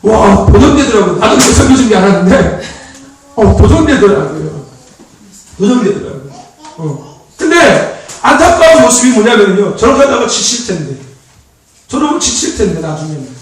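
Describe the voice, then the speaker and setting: A male pastor giving a chatty, animated sermon, laughing often and prompting the congregation for amens. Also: sits high, a little fast. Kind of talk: informal sermon. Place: church sanctuary. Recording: echoey hall, distant mic, faint noise.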